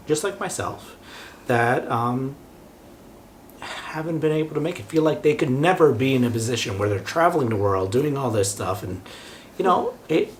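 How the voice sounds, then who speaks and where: A man's voice: on the high side, a little hiss or hum. A man chatting casually and tipsily, rambling through a Q&A as a travel vlogger. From United States. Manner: tipsy, rambling speech. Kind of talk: casual chat, Q&A.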